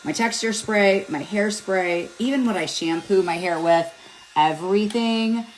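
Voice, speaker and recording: A woman's voice: mid-range voice, unhurried, slight background noise, poor audio. A middle-aged woman chatting casually through a hair tutorial at home, rambling and joking at her own expense. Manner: chatty, self-deprecating, rambling with fillers. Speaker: beauty vlogger. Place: home, at a mirror.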